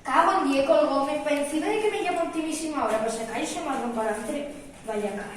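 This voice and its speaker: A woman's voice: sits high, fast talker, close to an everyday voice. Eager, easily miffed traveller, played by a woman, Asturian accent, amateur stage comedy, distant echoing recording. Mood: annoyed. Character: self-important World Cup finalist, eager, easily miffed traveller. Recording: very echoey hall, distant mic, faint noise.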